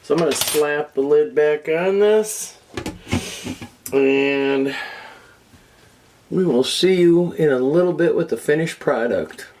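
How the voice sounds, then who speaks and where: Woman host, home cooking demo, losing her voice, slow homey chatter, faint kitchen sizzle behind. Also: deep voice, darkish tone, a little hiss or hum, poor audio. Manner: chatty, homey, addresses viewers directly. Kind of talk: casual cooking demonstration. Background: sizzling pan and kitchen sounds.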